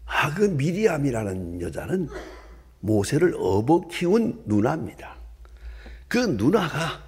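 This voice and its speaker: A male pastor delivers a sermon in a gravelly, husky voice. His pitch leaps about as he shifts from ringing exclamations to hushed, breathy whispers. The pitch sits a little high for a man. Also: big pitch swings, slow. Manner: dramatic swings from loud exclamations to hushed whispers.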